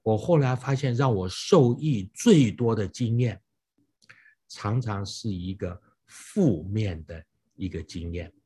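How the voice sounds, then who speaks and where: A man's voice: fairly low pitch, animated, takes it slowly, mellow, slightly rough. A man preaching a sermon, explaining scripture with rhetorical questions and frequent fillers.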